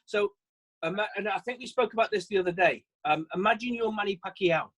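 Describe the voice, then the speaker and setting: A man's voice: high voice, fairly quick, fairly bright tone, rough recording. A man leading a sales training on a video call, chatty and self-deprecating, often restarting his phrases. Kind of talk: virtual training session.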